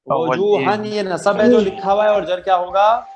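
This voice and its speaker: Patient male grammar teacher, slightly high. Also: fairly even intonation, muffled recording. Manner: patient, quizzes students with frequent "sahi hai ji" affirmations. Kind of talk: interactive online class lecture.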